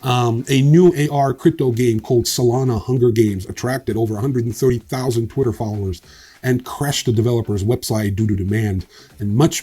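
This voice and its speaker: Hosting a casual crypto news roundup, a man reads headlines with frequent ums and uhs, slipping in wry, dry sarcastic asides. His medium-pitched voice has a dark tone and a slight roughness.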